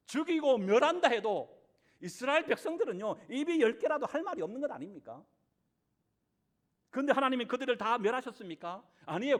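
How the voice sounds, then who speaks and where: High-voiced Korean male preacher. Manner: preaching with rhetorical questions to the congregation. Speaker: pastor. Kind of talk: sermon.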